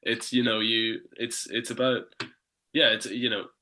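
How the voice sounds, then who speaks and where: A man's voice: mid-range voice, level tone, a little slow, bright, forceful tone, a little hiss or hum. A man chatting casually in an interview as a band member, searching for his words.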